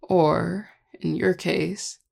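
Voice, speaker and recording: A performer voicing a charming, affectionate vampire lover in an intimate audio role-play, teasing and tender in a relaxed, gravelly voice. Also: medium pitch, drawn-out words, heavily acted. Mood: fond, teasing. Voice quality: gravelly, heavy vocal fry. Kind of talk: intimate audio role-play, one-sided dialogue to listener.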